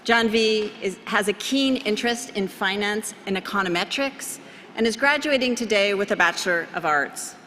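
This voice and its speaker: A woman's voice: medium pitch, moderate pace, sharp tone, a little hiss or hum. A woman introducing a student speaker at a university ceremony, poised and scripted. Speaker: ceremony presenter. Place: large convocation hall. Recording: hall reverb with crowd behind.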